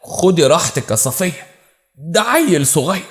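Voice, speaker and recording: A man's voice: fairly high pitch, very animated, moderate pace, voice pushed up. A man voicing a timid, henpecked father with an Egyptian Arabic accent, speaking hesitantly and apologetically in an audio story.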